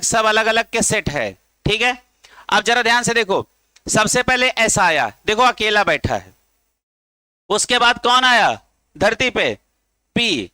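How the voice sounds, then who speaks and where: A man's voice: sits high, bright, forceful tone, clean tone, no room sound. A male chemistry teacher giving a classroom lecture, coaxing his students and drilling them to chant along.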